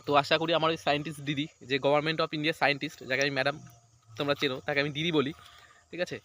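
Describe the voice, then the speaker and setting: A man's voice: a little high, level tone, very fast, pushed and bright, slight background noise. A man, chatting casually in a vlog outdoors beside a paddy field. He rambles and keeps checking in with "right?". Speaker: vlogger.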